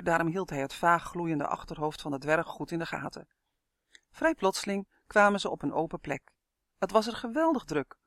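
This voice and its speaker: A man narrating a fantasy children's book with an expressive reading. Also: a little high, no room sound, studio quality. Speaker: audiobook narrator. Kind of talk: scripted storybook narration.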